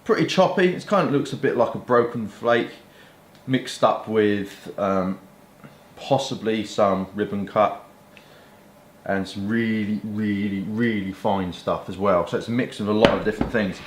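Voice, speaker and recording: At a measured pace, a British man whose voice sits on the low side chats to camera about his pipes and tobacco. His manner is rambling and colloquial with mild swearing, just like a hobby vlogger. A roomy echo and faint background noise are audible.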